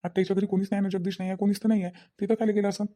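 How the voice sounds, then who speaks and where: A stern cartoon father-in-law rattles off his scolding at great speed, played by a man. His voice is dark and mellow, and he lectures and reproaches the others. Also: high voice, level tone, rapid-fire, close to an everyday voice. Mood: lecturing. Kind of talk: cartoon voice acting.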